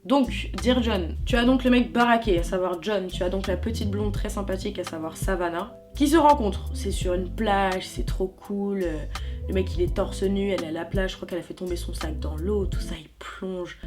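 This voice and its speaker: A young woman chatting animatedly about films she loves, slangy and quick to correct herself. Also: mid-range voice. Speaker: YouTuber. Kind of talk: casual film review vlog.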